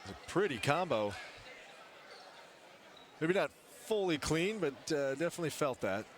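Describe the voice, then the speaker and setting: A man's voice: fairly high pitch, very animated, normal speed. A man giving conversational color commentary at a live fight. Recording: noisy live event background.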